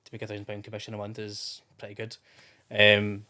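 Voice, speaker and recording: On a casual interview podcast, a thirty-something Scottish man rambles chattily with many restarts and fillers. His voice is low, monotone and sharp-toned, running a little fast.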